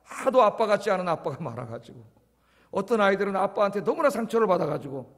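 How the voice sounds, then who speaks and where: Speaking fast in a high, sing-song voice, a male pastor preaches in a church sanctuary with a big-room sound. He asks the congregation questions, supplies the answers himself and hammers key words through repetition.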